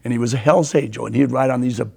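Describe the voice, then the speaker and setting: An older man as a guest, telling animated stories and acting out the quotes. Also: mid-range voice, racing, gravelly, breathy edge. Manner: animated storyteller, acts out quotes. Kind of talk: storytelling in a conversation.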